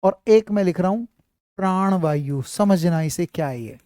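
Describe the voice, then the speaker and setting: Man teaching Hindi letters, dark voice. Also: high-pitched, normal speed, clean tone, no room sound, clean studio sound. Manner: repetitive, checks often that students follow; addresses students fondly as child. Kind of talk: live online class, explaining at a board.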